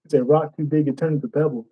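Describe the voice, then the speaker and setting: A man's voice: fairly high pitch, breathy edge, muffled recording. A man reciting his battle rap verses in rhythm, often restarting lines and muttering to himself when he forgets. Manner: rhythmic recital with frequent restarts and self-corrections. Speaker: battle rapper.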